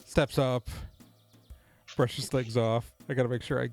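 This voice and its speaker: A man's voice: mid-range voice, fairly even intonation, measured pace, darkish tone, faint music behind. Rambling male game master. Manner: rambling, full of "like" and restarts. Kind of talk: narrating a tabletop game.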